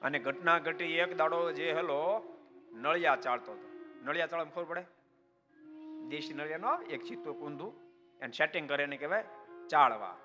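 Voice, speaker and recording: A man's voice: fairly high pitch, lively intonation, normal speed, long pauses. A man preaching a devotional sermon as a swami, telling stories and asking the devotees rhetorical questions. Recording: reverberant hall, faint music.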